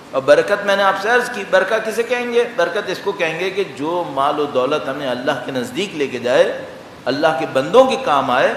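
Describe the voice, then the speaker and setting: A man with a Pakistani Urdu accent delivers a majlis sermon in a big echoey hall, his voice sitting a little high for a man. He moves between rhetorical questions and recited Arabic lines. A faint hum of the room sits behind him. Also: a bit bright. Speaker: Shia preacher. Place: large hall.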